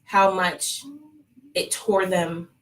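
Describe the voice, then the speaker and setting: A fertility clinic staffer with a Texan accent tells a personal story during a casual live-stream chat, laughing often along the way. Her voice is fairly low and level in tone, and she talks very slowly. The recording is rough.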